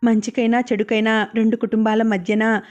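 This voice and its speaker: A woman voicing a gentle, dutiful young wife who speaks politely and pleadingly. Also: fairly high pitch, level tone, normal speed, dull audio, natural voice.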